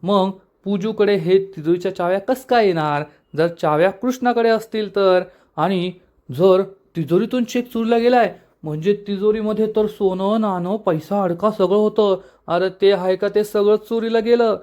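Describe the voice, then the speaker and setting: A man's voice: high voice, moderate pace, darkish tone, muffled recording, pitched above the performer's own voice, natural voice. A man voicing a hot-headed young husband who angrily defends his wife, in a TV serial recap. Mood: protesting. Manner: angry, protesting.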